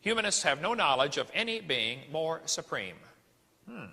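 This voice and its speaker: A man's voice: a little high, sing-song, moderate pace, creaky, sharp tone, breathy edge, in a large hall. A middle-aged man giving a lecture-style sermon, preachy and folksy, firing off rhetorical questions. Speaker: creationist ministry speaker.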